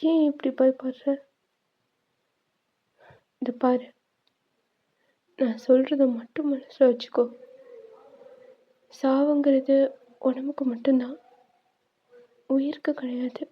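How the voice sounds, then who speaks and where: Woman doing a soft whispering male ghost, steady and tender, whispered role-play, tinny phone-like line, high voice. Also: slow pace, long pauses, breathy edge, exaggerated voice. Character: gentle male ghost comforting his grieving lover.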